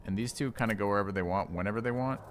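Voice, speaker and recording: A man's voice: fairly low pitch, very fast, a little hiss or hum. A man streaming a strategy game, thinking aloud in casual commentary, puzzled and now and then swearing at the game's rules.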